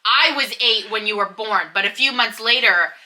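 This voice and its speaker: A woman's voice: fairly high pitch, normal speed, bright, forceful tone, poor audio. A woman vlogger in a casual, candid chat, telling stories in an emphatic, conversational way. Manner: candid, emphatic storytelling with frequent "like". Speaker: vlog host. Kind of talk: casual sibling chat in a mukbang video.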